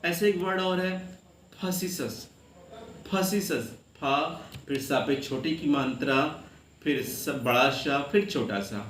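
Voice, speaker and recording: A man's voice: on the high side, slow pace. Male lecturer with an Uttar Pradesh Hindi accent, patient classroom delivery, spells words aloud, echoey room with faint hum. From India. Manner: addresses students warmly as children. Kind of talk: classroom grammar lesson.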